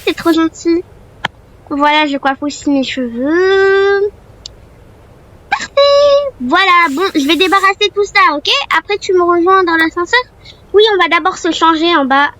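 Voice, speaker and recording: A woman's voice: very high-pitched, bright, forceful tone, full character voice. A woman voicing a friendly, girlish young K-pop trainee chatting casually in a role-play story.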